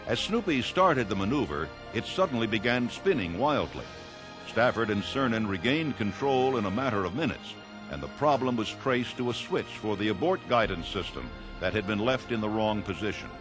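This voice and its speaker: A man giving scripted documentary narration in an even, informative way. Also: on the low side, normal speed. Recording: narration over clear music.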